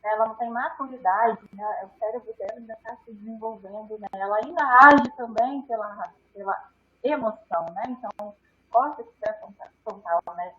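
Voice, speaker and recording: A woman's voice: medium pitch, moderate pace, a little hiss or hum. A woman speaking as a guest doctor in an interview, explaining at length, often acting out what parents and teachers say and ending phrases with a questioning tag. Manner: animated, acts out quoted adults, frequent "né?" tags. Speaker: guest neuropediatrician. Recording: dull lo-fi sound.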